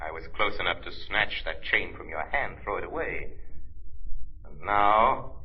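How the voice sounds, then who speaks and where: A man playing a taunting, commanding invisible avenger in an old radio drama, with theatrical, deliberate delivery. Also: deep voice, lively intonation. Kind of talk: 1940s radio acting. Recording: muffled vintage radio recording.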